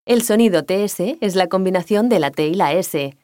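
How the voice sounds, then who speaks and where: A woman giving a scripted language lesson, explaining pronunciation clearly and calmly. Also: medium pitch, moderate pace. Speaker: language teacher.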